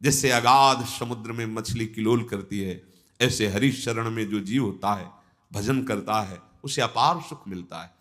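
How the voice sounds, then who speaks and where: A man's voice: on the low side, unhurried, a bit bright. A man giving a devotional discourse as a spiritual teacher, exhorting listeners and quoting scripture verses in a chanting cadence.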